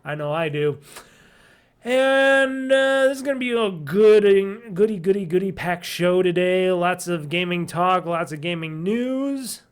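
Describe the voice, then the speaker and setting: A man's voice: high voice, lively intonation, unhurried, smooth. Nasal, rambling podcast host man. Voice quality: self-described nasal voice. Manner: rambling and jokey, laughs at himself. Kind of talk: casual solo gaming podcast. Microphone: desk mic at home office.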